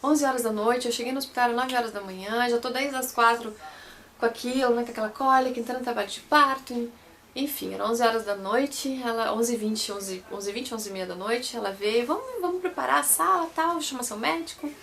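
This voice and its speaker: A woman's voice: a little high, steady tone, fairly quick, a bit bright, a little hiss or hum. A young Brazilian woman telling her own story to camera in a chatty way, often repeating and correcting herself. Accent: Brazilian Portuguese. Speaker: vlogger.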